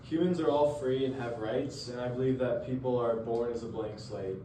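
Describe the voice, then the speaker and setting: A teen boy playing a calm, principled philosopher. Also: medium pitch, moderate pace, lightly acted. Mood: earnest. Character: male philosopher John Locke, calm and principled. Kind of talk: school role-play interview. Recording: roomy, distant mic, faint noise.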